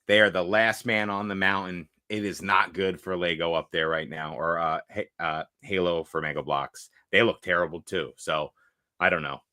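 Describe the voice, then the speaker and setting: A man's voice: sits low, steady tone, moderate pace, bright, forceful tone, no room sound, studio quality. A young man co-hosting a casual livestream podcast, joking around and greeting viewers in the chat. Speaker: podcast co-host.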